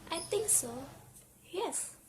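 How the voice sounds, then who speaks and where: Woman playing anxious wife, high voice, defensive, earnest, theatrical, amateur play reading, slight background noise. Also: expressive, slow pace, a little mellow, exaggerated voice. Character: defensive, anxious wife who secretly borrowed money.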